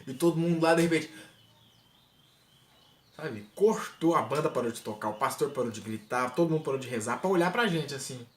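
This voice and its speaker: A man's voice: mid-range voice, brisk. A young man telling a comic personal anecdote, acting out scenes and laughing as he goes. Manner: animated, laughs through the story, acts out scenes. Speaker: storyteller vlogger. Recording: roomy echo, faint noise.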